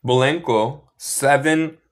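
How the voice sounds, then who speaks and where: A man teaches through in a live online lesson, speaking at a very slow, unhurried pace. His pitch sits in an ordinary middle range. He drills phrases patiently and switches easily between the two languages. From United States. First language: English. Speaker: English teacher.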